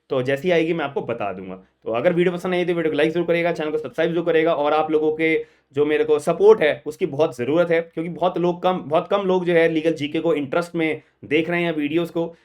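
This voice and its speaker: A man's voice: a little high, darkish tone. A man teaching an online law exam lecture, emphatic and repetitive, often asking the viewers questions. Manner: emphatic, repeats "thik hai ji", quizzes viewers.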